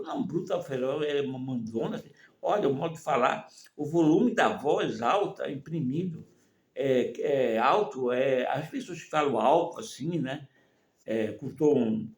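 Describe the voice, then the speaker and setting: An older man, giving folksy, moralizing advice in a rambling casual monologue and constantly checking in with his listeners. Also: fairly high pitch. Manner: rambling, keeps asking "né?" and "não é mesmo?". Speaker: vlogger. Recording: echoey room.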